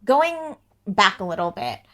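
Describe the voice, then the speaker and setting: A woman hosts a relaxed podcast conversation. She talks in a chatty way, asking questions and adding quick asides of her own. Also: medium pitch. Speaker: podcast host. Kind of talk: casual interview.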